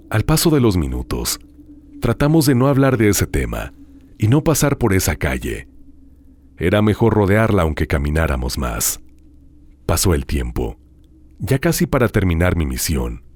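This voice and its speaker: Deep husky man narrating horror. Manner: dramatic, hushed storytelling with drawn-out pauses. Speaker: host reading listener horror stories.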